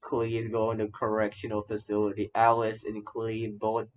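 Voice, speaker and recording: A lowish, monotone male voice at normal speed comments on a game he's streaming, reacting to the story as he rambles, stammers, and repeats himself. The audio has its highs cut off and a little hiss or hum, with game music behind him.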